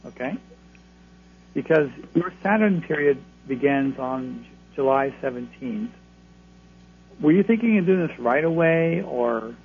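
Creaky-voiced man advising over a tinny phone. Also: medium pitch, lively intonation, a little slow, pauses often. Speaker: card-reading astrologer, radio guest. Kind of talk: conversational advice to callers. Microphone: telephone. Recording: thin phone line, humming noise.

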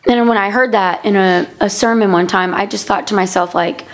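A woman in a casual faith-centred conversation in a church prayer room, speaking in halting, circling sentences. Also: mid-range voice, fairly even intonation. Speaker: podcast conversation partner.

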